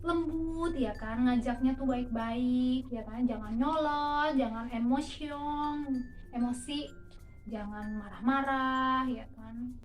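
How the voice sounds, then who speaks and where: A woman's voice: high voice, slow pace, soft background music. A woman hosting a casual advice talk for wives, chatty and often checking in with her listeners. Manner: chatty, keeps tagging "ya kan?". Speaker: host giving marriage advice to wives. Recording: roomy, a bit far from the mic.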